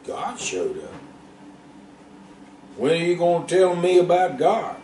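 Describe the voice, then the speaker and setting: A man's voice: on the high side, very animated, slow, mellow, a little hiss or hum, voice pushed up. A young work animal full of questions, fussing and worn out from pulling, as a man puts him on. The voice sits a little above the storyteller's own and is heard in a roomy space from a short distance. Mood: curious. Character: young male work animal, curious and easily tired. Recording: roomy, distant, faint background.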